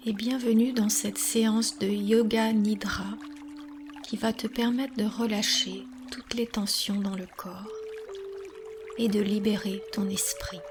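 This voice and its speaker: A woman with a medium-pitched voice guides a yoga nidra relaxation, speaking calmly and soothingly and leaving long pauses between instructions. Music plays in the background.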